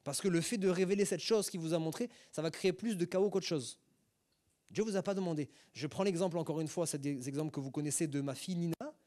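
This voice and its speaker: Middle-aged male pastor, slightly high voice, chatty sermon full of asides and rhetorical checks. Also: quick pace, dark tone. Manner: conversational teaching with many asides and rhetorical questions; acts out short sung and spoken examples. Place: church hall.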